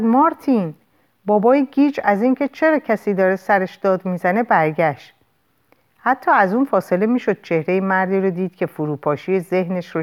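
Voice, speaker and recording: A woman narrating a novel as an audiobook in an expressive, lively storytelling manner. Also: fairly low pitch.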